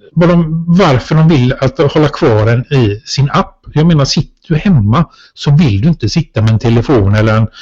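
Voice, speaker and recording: Guy cohosting a podcast, kinda high voice, lots of ums, playful rants, dull lo-fi sound. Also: darkish tone. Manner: rambling, hesitant with many fillers, mock-ranting. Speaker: podcast co-host. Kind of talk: casual podcast chat.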